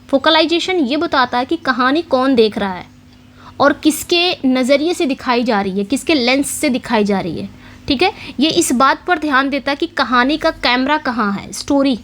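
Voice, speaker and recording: Woman teacher with a high voice, exam-prep lecture, quiz-style questions and repetition. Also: a bit bright. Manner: explains in Hindi mixing English terms, repeats key points with quiz questions; reads English question text slowly. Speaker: English literature teacher.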